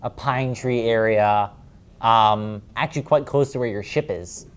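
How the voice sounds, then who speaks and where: A man's voice: fairly low pitch, measured pace, slight background noise. A man narrating a tabletop game as game master, describing scenes in a rambling way with many fillers.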